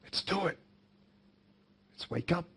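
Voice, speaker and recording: A young man giving an emphatic motivational speech to students, swinging between bold declarations and hushed, earnest appeals. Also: slow. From Australia. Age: young adult. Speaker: motivational speaker.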